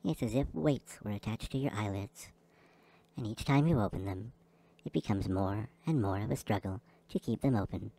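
A man guiding a listener through a slow, soothing hypnosis session. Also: lowish voice, mellow. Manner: slow, soothing, repetitive delivery. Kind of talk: guided hypnosis script.

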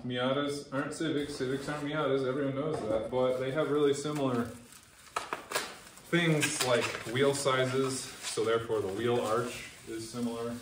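A man in his thirties talks through an unboxing in a chatty, excitable way, cracking jokes as he goes. His voice sits at an ordinary middle pitch. It is picked up from a few steps off by the camera, with the hard garage walls adding a roomy echo and a faint hiss underneath. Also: far from the mic. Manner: chatty, excitable, jokey, thinks aloud. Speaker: car enthusiast vlogger. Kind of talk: casual unboxing commentary. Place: home garage. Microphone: camera mic from across the room.

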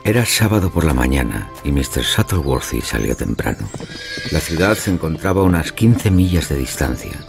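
An actor with a very deep, gravelly voice plays a self-assured, pompous storyteller narrating a mystery audio drama in a theatrical style. He sounds grave and knowing, very animated and heavily acted at a moderate pace, with music behind him.

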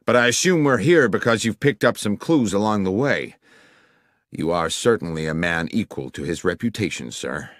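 Reader plays smooth, flattering rich gentleman, low voice. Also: normal speed, no echo, clean studio sound.

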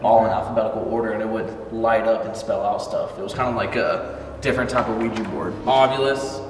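A man in casual ghost-hunting vlog chat, joking and swearing freely. His voice rings in a reverberant space with clear background noise, a little away from the mic. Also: on the low side, fairly even intonation, a little fast. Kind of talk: casual chat to camera and friends. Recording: echoey hall, distant mic, noisy ambience.

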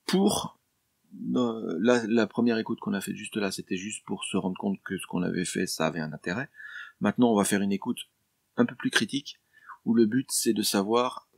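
A man with a French accent, a composer talking casually through his music software at home, with lots of fillers and self-corrections. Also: lowish voice, moderate pace, creaky, dry recording, studio quality. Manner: chatty and explanatory, with frequent fillers and self-corrections; addresses the viewer informally, jokes lightly. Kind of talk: casual screen-share tutorial vlog. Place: home, during lockdown.

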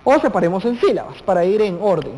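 A teacher leads a televised lesson, turning to the students with questions and drawing out the words that matter. The voice sits at a mid pitch. It rings with a long reverb, as if recorded in a large hall. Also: expressive, fast talker, a little mellow. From Guatemala. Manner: addresses students directly, asks questions, stretches key words.

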